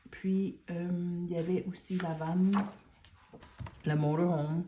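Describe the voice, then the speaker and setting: A woman with a Quebec French accent, speaking in a hushed library-like murmur in soft-spoken ASMR style and mixing in English words. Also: on the low side, fairly even intonation, slow, a little hiss or hum. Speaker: ASMR creator.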